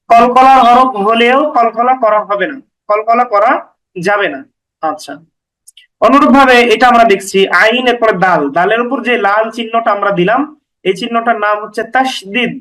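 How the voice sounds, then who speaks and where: A recitation teacher whose voice sits very high for a man, with a sharp, forceful brightness. He walks through pronunciation step by step, repeating each syllable several times. He poses questions to the class and answers them himself. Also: poor audio. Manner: patient, drills syllables aloud with many repetitions.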